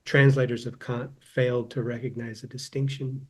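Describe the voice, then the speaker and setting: In a casual interview, the guest is a thoughtful Southern California philosophy professor in his fifties who often repeats words as he begins again. His mid-range voice is flat, slightly rough, and a little mellow, at a moderate pace.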